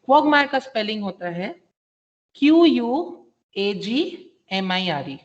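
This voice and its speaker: A man's voice: high-pitched, animated, unhurried. A man teaching an online vocabulary class, mixing Hindi and English, spelling words out and quizzing his students. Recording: dull lo-fi audio.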